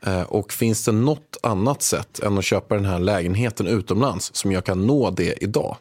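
A man hosting a casual interview, prompting his guest with relaxed questions. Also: fairly low pitch, no room sound. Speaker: podcast host.

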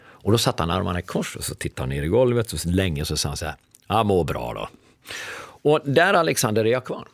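A middle-aged man telling a long anecdote in a relaxed chat, acting out the lines of the people in it. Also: deep voice, vocal fry, dry recording. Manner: animated anecdote teller acting out dialogue. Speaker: podcast guest. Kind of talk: storytelling in casual conversation.

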